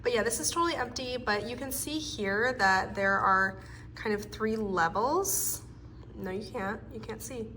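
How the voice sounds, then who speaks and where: Poor audio with a little hiss or hum carries a young woman's bright, forceful voice, pitched on the high side and unhurried. Stuffed up from a cold, this lifestyle vlogger chats casually indoors at home, thinking aloud as she tries household scents.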